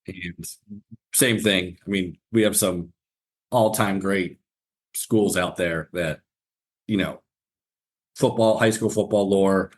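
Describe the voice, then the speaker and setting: A low-voiced man from southwestern Pennsylvania hosts a casual chat. He rambles and restarts his questions as he goes along. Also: fairly even intonation, slow pace, long pauses. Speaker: podcast host.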